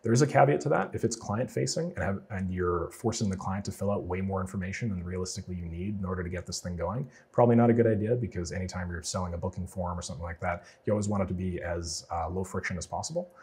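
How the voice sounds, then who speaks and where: Recovering from a cold, a man speaks quickly in a deep, husky voice with a slightly mellow quality. He's an automation freelancer running a screen-share walkthrough of a client build, explaining things in a relaxed way with loose filler words.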